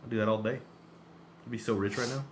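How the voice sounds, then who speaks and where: Joking low-voiced man in casual chat. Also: fast, slight background noise. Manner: joking, deadpan banter. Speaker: podcast co-host.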